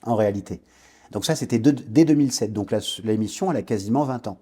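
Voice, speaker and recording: A French Guianese entrepreneur in his forties, a podcast interview guest, reflectively recounts his career with frequent hesitations and restarts. His voice is fairly low, warm and husky, and he talks fast.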